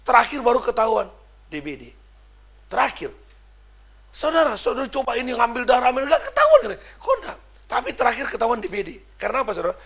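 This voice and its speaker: A male preacher from Sumatra, animated, shouting for emphasis and acting out what people say. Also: very high voice, fast talker, vocal fry, pauses often, slightly rough, dull audio. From Sumatra, Indonesia. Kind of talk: sermon.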